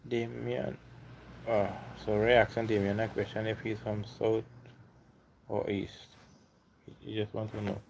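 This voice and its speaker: A man's voice: on the low side, measured pace, gravelly, pauses often, a little hiss or hum. Laid-back Trinidadian man on a livestream. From Trinidad and Tobago. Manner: relaxed, reads comments aloud. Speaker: livestream host. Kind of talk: casual livestream chat.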